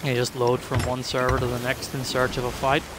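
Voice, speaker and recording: A man streams a game live with a mid-range, monotone voice and a slightly quick pace, chatting casually with viewers and thinking aloud as events unfold. He reacts to surprises in his live gameplay commentary, with ocean and ship sounds from the game audible behind him.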